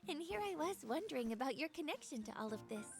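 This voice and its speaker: Game VO: a cheerful young woman shopkeeper, high, lively and curious. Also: fast talker, vocal fry, over music, heavily acted. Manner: curious, expressive reactions. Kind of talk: voiced game dialogue.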